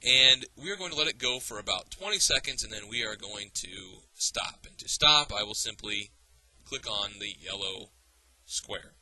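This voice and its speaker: A man teaching a software tutorial, explaining patiently step by step with small fillers and restarts. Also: lowish voice, expressive, moderate pace, rough recording. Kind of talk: screencast tutorial.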